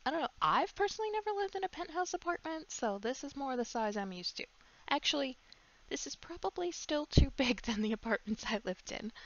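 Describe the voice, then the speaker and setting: A young woman with a stuffy nose giving relaxed, chatty voice-over commentary on her game build, full of ums and likes. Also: a little high. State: stuffed up with a cold. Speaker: gaming YouTuber. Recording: slightly dull lo-fi mic.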